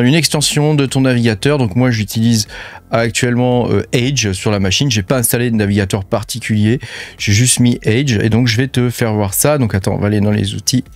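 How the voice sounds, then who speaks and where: A man of medium pitch, heard without echo, leads a casual screen-share for his crypto channel, clicking through apps in a French accent. He's talkative and filler-prone, saying "hein" a lot and calling the viewer "tu."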